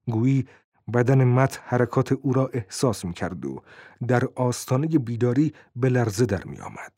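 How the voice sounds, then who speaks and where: A man narrating a novel in steady, measured scripted reading. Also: medium pitch, dry recording, studio quality.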